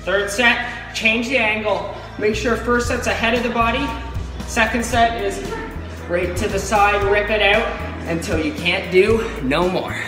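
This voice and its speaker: A man's voice: high voice, fairly even intonation, unhurried. A man coaching a workout demonstration, giving informal instructions in short imperative cues and counts. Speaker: fitness coach. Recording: very echoey, distant, music over voice. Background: music.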